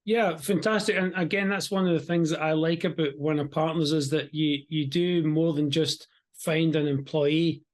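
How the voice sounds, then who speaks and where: A man's voice: a little high, steady tone, moderate pace, few pauses. A man with a strong Scottish accent, hosting a conversational interview. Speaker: interview host.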